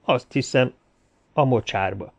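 Férfi által felolvasott kábult, nyugodt férfi. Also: male voice, medium pitch, a little mellow, breathy edge. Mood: dazed. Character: calm, dazed man speaking with spirits.

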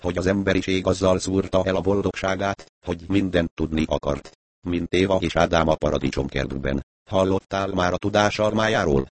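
A sly, mocking trickster hiding behind a spirit's mask, with an eerie, preachy way of taunting, as a male narrator plays him. The voice runs low, and the recording is close and dry. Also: fairly even intonation, no room sound, natural voice.

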